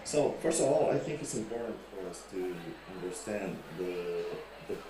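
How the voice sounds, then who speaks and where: A man from Brazil, giving a halting presentation over a remote call whose line echoes back with feedback. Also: low voice, animated. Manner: hesitant, many restarts and repeated words. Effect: echoey remote call line with audio feedback. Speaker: remote presenter at an online panel. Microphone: video call. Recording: distant echoey call audio with noise.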